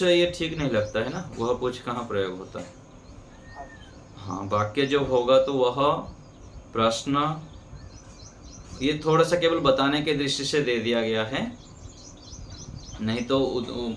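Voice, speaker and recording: A man teaching Sanskrit grammar in a slow classroom lesson, patiently repeating sentences word by word. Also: medium pitch, fairly bright tone. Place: ashram classroom with birds outside. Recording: faint background noise.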